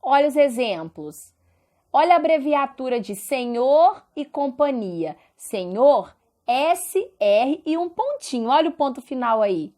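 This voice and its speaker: Lively high-voiced woman teacher. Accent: Brazilian Portuguese. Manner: explains slowly, asks rhetorical questions. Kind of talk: recorded online lesson.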